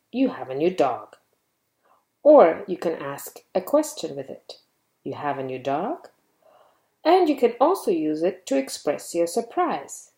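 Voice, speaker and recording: A woman giving a scripted educational explanation, speaking in a clear, measured way and acting out example sentences. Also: mid-range voice, warm tone, echoey room. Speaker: linguistics explainer.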